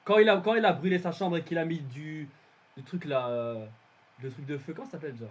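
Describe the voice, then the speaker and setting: Young man, higher voice, rapid argumentative delivery, insistent and repetitive in casual debate. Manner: argumentative, insistent, repeats himself.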